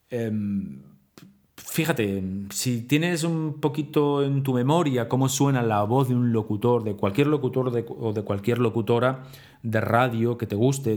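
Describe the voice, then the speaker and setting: A man from teaches public speaking in a video lesson. He talks straight to the listener, asks himself questions and answers them. He stretches his pauses and swings his intonation wide on purpose to show how it is done. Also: medium pitch, a little mellow. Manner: deliberately exaggerated intonation and pauses for demonstration; addresses the listener directly with rhetorical questions.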